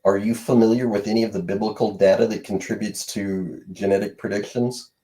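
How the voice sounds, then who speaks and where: Low, mellow male voice, deliberate explainer. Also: fairly even intonation, low-quality recording. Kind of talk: casual explanation.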